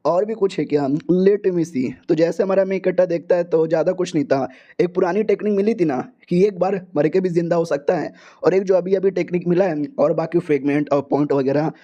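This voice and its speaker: A man's voice: high-pitched, steady tone, a little fast, dark tone. A man narrating a story recap casually, with slangy, crude joking asides. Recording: dull lo-fi sound.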